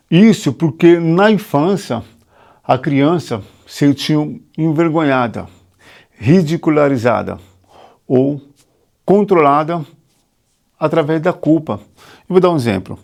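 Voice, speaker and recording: A man's voice: mid-range voice, gravelly, a little mellow. A Brazilian man, a psychotherapist, earnestly teaching and sharing his own story straight to the viewer, repeating himself and asking questions. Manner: earnest, repetitive, confessional. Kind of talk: teaching monologue to camera.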